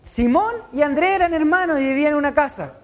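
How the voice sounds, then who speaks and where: A woman's voice: sits high, animated, fast. A woman leading a Bible study, asking the group questions and answering them herself.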